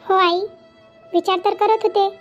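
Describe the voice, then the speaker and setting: A troubled young cartoon daughter, voiced by a woman, very high-pitched and pleading, stumbling over her words. The sound is dull and lo-fi, with faint music behind. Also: fairly even intonation. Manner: hesitant, pleading, halting restarts. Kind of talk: Marathi cartoon voice acting.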